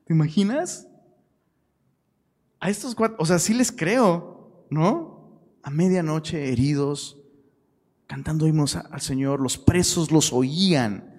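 A man with a Mexican Spanish accent preaches a relaxed Bible study, full of street slang and sudden shouted points. His voice sits a little high for a man. The sound carries a long reverb, as in a hall. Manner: lively, slangy, with sudden shouted emphasis and quick asides. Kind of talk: casual Bible-study sermon.

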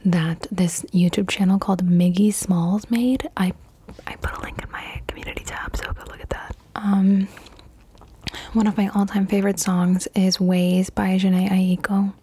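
A woman in her twenties from Colombia, whispering in a casual ASMR question-and-answer session, softly repeating words over and over. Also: medium pitch, steady tone, normal speed, slight background noise. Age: 20s. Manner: casual, swears freely. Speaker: ASMR creator.

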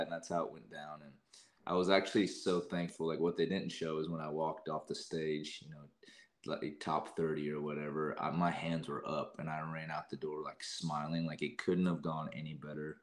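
A young man, a singer and guest, telling stories in a casual interview and often quoting himself. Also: very deep voice. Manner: lively storyteller, quotes himself often.

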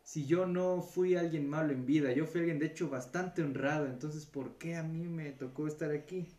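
A man's voice: fairly high pitch, moderate pace, dark tone, pitched above the performer's own voice, close to an everyday voice. A man doing a pleading damned soul. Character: frightened honest man condemned to hell. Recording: roomy echo.

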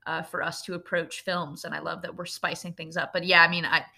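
A woman co-hosting a comedy podcast with a crisp, bright voice. Her delivery is casual and playful, full of deadpan jokes, and her pitch sits slightly low. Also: fairly quick. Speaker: podcast co-host.

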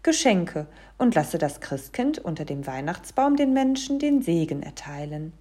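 A woman reading a storybook aloud, voicing a friendly, hearty old Santa Claus who gives commands in a booming voice. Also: sing-song, unhurried, warm tone.

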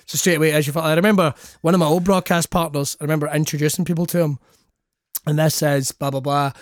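A man's voice: fairly high pitch, steady tone, quick pace, dry recording, clean studio sound. A Scottish man chatting casually, telling jokey, sweary anecdotes and acting out the lines he quotes. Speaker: wrestling commentator and guest.

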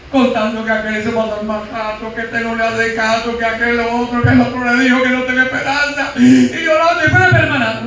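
High-voiced, bright preaching pastor. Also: male voice, echoey room, a little hiss or hum, low-quality recording. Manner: fervent, rises to shouting, mimics congregants. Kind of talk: sermon. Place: church.

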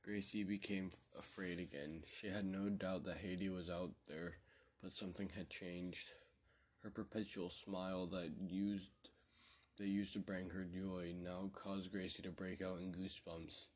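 A man narrating a spoken horror story in a measured way, often restarting words. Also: low voice, little pitch movement.

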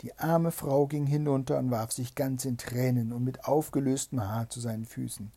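A man reading a fairy tale aloud with dramatic, expressive narration. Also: mid-range voice, normal speed, slightly rough. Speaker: storyteller.

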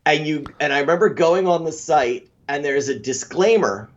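A man on a podcast spins animated anecdotes from his racing days, often laughing as he tells them. His voice sits a touch high, and the audio comes through dull and lo-fi. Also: normal speed. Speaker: guest, Honda Challenge co-founder. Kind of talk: casual podcast storytelling.

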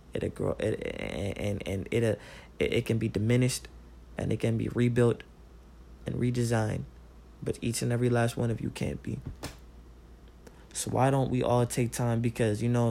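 A man's voice: medium pitch, vocal fry, a little mellow. Man ranting casually, profane and rambling. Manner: profane, rambling, heated, repeats "like". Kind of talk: casual rant.

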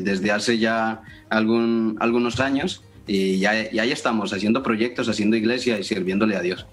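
A man's voice: fairly low pitch, a bit bright. A man who raps at his church, talking earnestly in a casual interview with frequent fillers. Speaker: church member and rapper.

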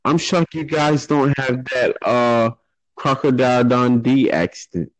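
A man's voice: mid-range voice, takes it slowly, no room sound, rough recording. A man hosting a casual chat with strangers, laid-back and teasing. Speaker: host chatting with strangers.

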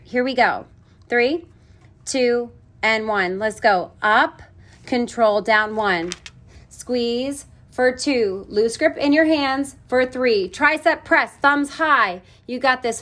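Lady aerobics instructor, real high voice, barking out reps and cheering the class on. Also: a bit bright. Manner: commanding and encouraging, short motivational cues. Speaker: group fitness class instructor. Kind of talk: aerobics instructor calling reps, counts and cues.

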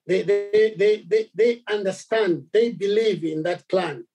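Halting Zambian man preaching. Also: high-pitched, over loud music, poor audio. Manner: halting, many repeated words and fillers. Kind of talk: sermon.

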